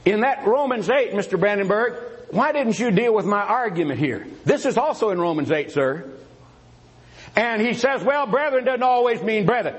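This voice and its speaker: A man in a formal religious debate, firing rhetorical questions and taunting his opponent, swinging between a raised voice and low asides. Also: lively intonation, moderate pace, low-quality recording.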